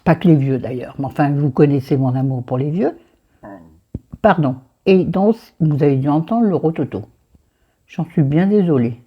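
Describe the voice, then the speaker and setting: A woman's voice: sits low, moderate pace, breathy edge, muffled recording. A woman with a southern French accent, chatting casually about a book while doing her makeup at her dressing table, rambling and talking to herself. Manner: rambling, digressive, talks to herself. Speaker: book vlogger. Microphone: camera facing her mirror.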